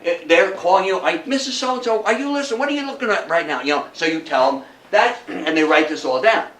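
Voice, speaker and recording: An older lecturer gives a folksy, chatty history talk to an audience in an indoor room, tossing rhetorical questions at them. His voice sits high and a bit bright, with lively intonation and a quick pace. The recording is roomy, from a distant mic, with faint noise.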